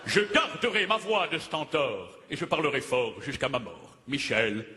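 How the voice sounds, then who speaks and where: A man playing a pompous, grandiose male playwright in a stand-up character sketch, declaiming in a booming stentorian voice with flowery phrasing. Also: expressive, measured pace. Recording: echoey hall, loud audience and noise.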